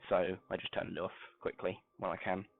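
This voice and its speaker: A man streaming a game, talking softly and muttering to himself as he crafts, his grainy voice muffled as if heard through a wall. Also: low-pitched, flat delivery, a little fast, creaky. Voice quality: grainy voice when quiet. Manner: talks softly, mumbling to himself while crafting. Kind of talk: casual live-stream gameplay commentary. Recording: muffled phone-like mic with faint music.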